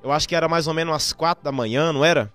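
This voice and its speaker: Fast-talking pastor, affirming and prompting. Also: male voice, fairly high pitch, over loud music. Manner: affirming, prompting and summarizing for the guest. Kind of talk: conversational interview.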